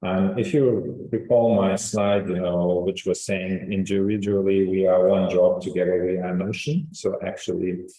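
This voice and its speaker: A man on a panel who gave a presentation, adding comments in a measured, explanatory way. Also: low voice, little pitch movement, mellow, reverberant, poor audio. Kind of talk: panel discussion.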